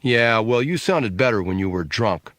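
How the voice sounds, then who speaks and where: A man voicing a sharp-tongued, sarcastic adult sister, needling and scornful, in an audiobook. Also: on the low side, expressive, normal speed, no room sound.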